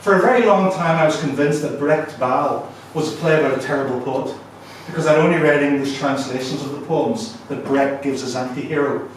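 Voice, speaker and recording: A man's voice: fairly high pitch, brisk, hardly any pauses, a little hiss or hum. A man with a Northern Irish accent giving a university guest lecture in a chatty, self-deprecating way, full of ums and restarts. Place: lecture room. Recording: echoey room, mic at a distance.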